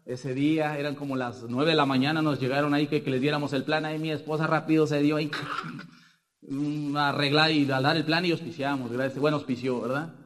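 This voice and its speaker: Mexican man with a high, echoing voice. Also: fairly even intonation, a little fast. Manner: rambling, tag questions after every point. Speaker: business speaker sharing success story. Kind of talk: motivational testimony talk.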